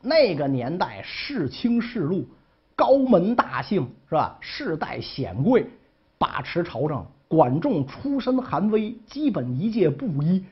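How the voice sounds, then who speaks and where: A man's voice: sits high, breathy edge, highs cut off. A man telling ancient history in a humorous, colloquial way, with frequent asides. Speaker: storyteller.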